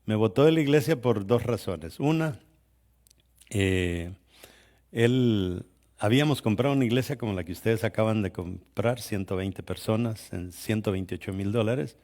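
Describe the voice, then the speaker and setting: Man from El Salvador, pastor, lowish voice, chatty testimony from the pulpit. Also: normal speed, a little mellow. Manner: conversational storytelling, frequent restarts. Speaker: guest pastor. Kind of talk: sermon testimony.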